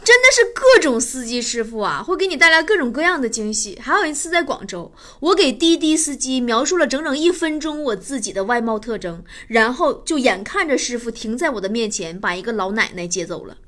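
A woman's voice: on the high side, lively intonation, brisk, few pauses, a bit bright. A woman comedian, telling stand-up stories in a teasing, self-mocking way. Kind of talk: stand-up storytelling.

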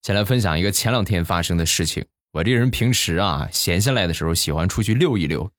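A man hosting a comedy podcast, telling funny stories in a lively, playful way. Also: low-pitched, quick pace, dry recording, clean studio sound. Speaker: podcast host. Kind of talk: comic storytelling.

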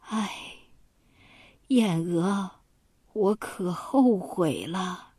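A woman voicing a dying old male duke in a children's storybook, weak, remorseful and sighing, with halting, drawn-out speech. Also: fairly low pitch, warm tone, slightly rough, no echo, studio quality, full character voice. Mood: mournful.

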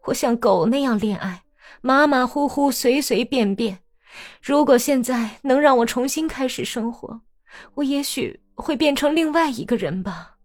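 A woman's voice: sits high, animated, voice pushed up. A woman voicing a bold, mocking young peasant woman who talks in a brash, teasing way in an audiobook. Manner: brash, teasing, quick-tongued.

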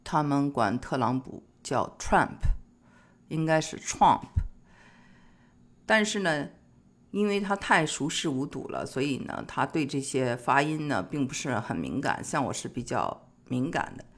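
A middle-aged speaker from China hosting an advice show, talking in a casual, explanatory way with frequent pauses on filler particles. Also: medium pitch, lively intonation. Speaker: host of an immigration-advice show.

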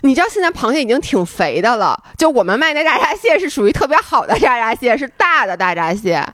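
A woman's voice: on the high side, fast, no echo, studio quality. A woman hosting a podcast, telling a story in casual chat and acting it out with sudden shrieks and laughter. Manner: animated, breaks into shrieks and laughter when reenacting. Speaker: podcast host.

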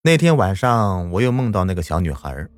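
A man's voice: low voice, big pitch swings, brisk, dry recording. A man narrating a first-person story in a plain, reflective way.

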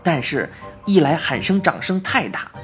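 Beijing-accented woman narrator, expressive children's story reading, faint music bed. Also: low-pitched, moderate pace.

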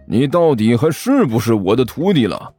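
A man voicing a gruff, boastful middle-aged tomb-robber master who lectures slowly and grumbles at his apprentice. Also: mid-range voice, very animated, mellow, no echo, faint music behind. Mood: lecturing.

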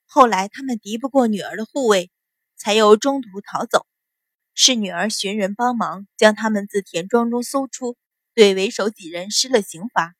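A woman voicing a calm, sharp-witted young noble daughter who speaks with composed, cool sarcasm. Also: a little high, moderate pace, no room sound.

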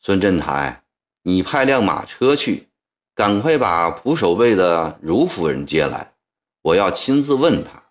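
A male storyteller voicing a stern elderly Qing viceroy who questions people in a measured, low, gentle way. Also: big pitch swings. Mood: grave, coaxing.

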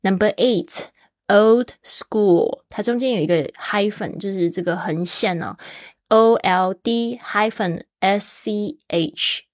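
A woman's voice: mid-range voice, takes it slowly, no room sound. Woman, English teacher, podcast host, chatty, spells words out, dry sound. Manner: laughs easily. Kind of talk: casual podcast English lesson.

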